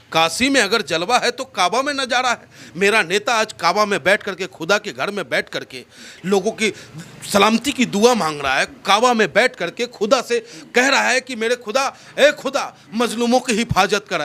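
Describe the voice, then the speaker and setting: A man from India with a North Indian accent speaks as a political interviewee, impassioned and oratorical, emphatically repeating phrases for effect. His voice is high, pushed, and bright.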